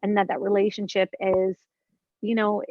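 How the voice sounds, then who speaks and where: Her medium-pitched voice barely moves in pitch and keeps a moderate pace as she, a woman in her fifties, talks as a guest in an informal spiritual discussion. Earnest and searching, she returns to her own words as she reasons aloud. The recording is dull, lo-fi and dry, with no echo.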